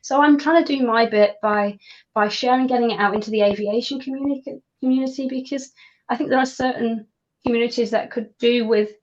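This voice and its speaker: A woman's voice: a little high, dull audio. A woman, a pilot and nutrition coach, talking enthusiastically as an interview guest with frequent restarts. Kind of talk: conversational interview.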